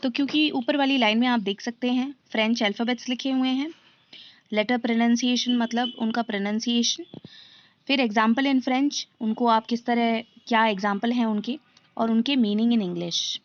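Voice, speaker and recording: A woman's voice: fairly high pitch, steady tone, normal speed, dull audio. A woman teaching a language lesson step by step, patiently repeating each letter and asking questions aloud.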